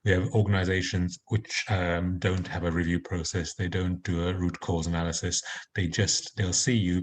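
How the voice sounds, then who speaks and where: A man's voice: low-pitched, flat delivery, normal speed, slight background noise. A man from Nigeria speaking earnestly as a panelist in an online discussion, restarting phrases as he makes his points.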